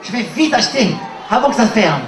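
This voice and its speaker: A man playing a shrill, excitable poor boy. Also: a little fast, a crowd in the background, background noise. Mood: joyful. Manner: excitable, pleading, cries out. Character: poor joyful young boy from Baghdad. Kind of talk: live puppet show acting. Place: puppet stand at a public event. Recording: echoey distant recording with music.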